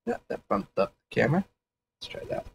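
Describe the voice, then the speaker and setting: A man's voice: medium pitch, wildly swooping pitch, fairly quick, creaky, fairly bright tone, a little hiss or hum, poor audio. A man casually thinking aloud during a livestream sketch session, rambling and hedging with fillers as he explains his ideas. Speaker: 3D artist streaming a sketch session.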